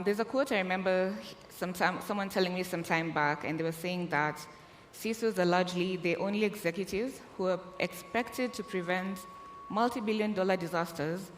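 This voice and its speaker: Woman moderator from kenya, chatty and joking, big hall echo, faint room hum. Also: fairly low pitch. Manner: friendly, joking, conversational. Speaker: panel moderator. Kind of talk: live conference panel moderation. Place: large conference hall. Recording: long hall reverb, faint room noise.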